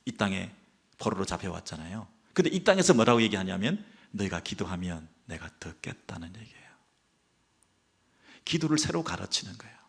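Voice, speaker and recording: A male pastor with a mid-range voice and vocal fry preaches a sermon. When quoting God he drops to hushed, slow tones, but he gets loud and quick when acting out the people's complaints.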